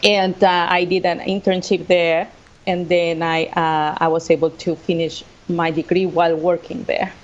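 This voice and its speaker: In a lowish voice with level tone and a moderate pace, a Costa Rican woman tells her personal story in an easygoing way as an interview guest. She's an assistant professor of sports management whose first language is Spanish, and her accent is Costa Rican. The sound is dull.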